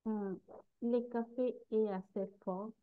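Very slow woman student on a tinny line. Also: a little high, fairly even intonation. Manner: reads aloud hesitantly.

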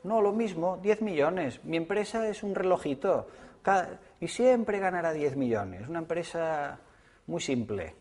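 A man's voice: a little high, expressive, a little slow, a little mellow. A man playing a matter-of-fact business owner. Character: calm middle-aged male business owner.

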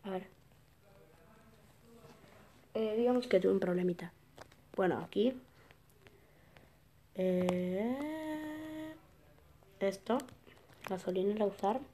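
A woman's voice: medium pitch, slow pace, long pauses, warm tone. Chatty woman narrating her gameplay. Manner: chatty, thinking aloud with sudden surprised exclamations. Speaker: gameplay video host. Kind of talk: casual gameplay commentary.

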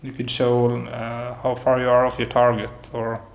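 This Norwegian-accented man in his thirties is a hobby maker demonstrating a homemade electronics build, speaking quietly, hesitantly, and with plenty of fillers. The medium-pitched voice is totally flat at a moderate pace, and the high frequencies are cut off. It's a casual tech demo recorded indoors in his apartment's living room and kitchen, which sound echoey.

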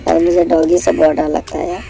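A young man, hoarse from a cold, giving jittery live commentary on a horror game, repeating words in quick bursts. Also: on the high side, level tone, dark tone, soft background music, low-quality recording. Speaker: gaming channel host.

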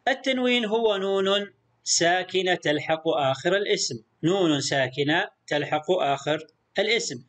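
A male primary school teacher giving a recorded lesson, patient, repeating sounds slowly and praising the pupils often. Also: high-pitched, lively intonation, a bit bright.

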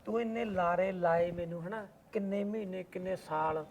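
A woman's voice: on the low side, moderate pace, darkish tone, muffled recording. A woman playing a gullible young village man eager to marry, wary and haggling but easily placated. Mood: complaining. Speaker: devar in a comedy skit.

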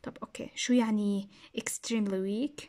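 A woman's voice: medium pitch, fairly even intonation, normal speed, dark tone. A woman with a Jordanian accent, teaching a recorded lesson in a patient, explanatory way and repeating key words.

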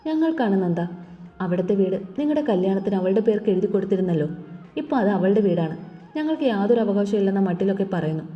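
A woman's voice: medium pitch, expressive, fast talker, faint music behind, close to an everyday voice. A woman voicing a wounded, tearful mother. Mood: tearful, hurt. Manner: tearful, resigned. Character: grieving middle-aged mother, wounded. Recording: dull lo-fi recording with long reverb.

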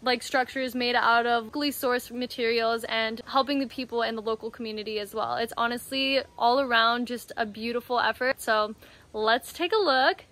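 A woman's voice: on the high side, normal speed, a bit bright. A young woman in her twenties cheerfully narrating a travel vlog, talking straight to a phone held at arm's length as she tours a tropical lodge. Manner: bubbly and enthusiastic, talking to camera. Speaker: travel vlogger. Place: outdoors in a tropical resort and inside a wooden hut.

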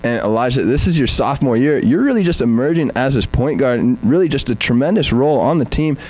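A man's voice: medium pitch, animated, fast, darkish tone, low-quality recording. Young male sideline interviewer, mid-range voice, upbeat, long rambling questions. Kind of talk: postgame sports interview. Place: press backdrop indoors. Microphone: handheld mic.

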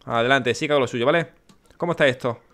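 Here a Spanish let's play host speaks fast in a mid-range voice with a fairly bright tone. He gives loose, chatty commentary while muttering to himself and addressing the game characters.

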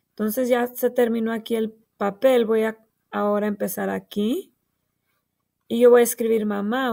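A woman's voice: a little high, creaky, a little mellow. A woman teacher walking young children through writing a short sentence, patiently spelling out letters and pointing to each word. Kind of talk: slow early-grade writing lesson for children.

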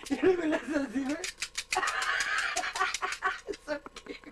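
A man's voice: very high-pitched, fast talker. A young man with a Mexican accent chatting casually with friends, laughing hysterically in a giggling fit and struggling to get his words out. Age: young adult. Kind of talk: casual chat among friends. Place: small recording studio, indoors. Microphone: handheld camcorder nearby. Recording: noisy home camcorder audio.

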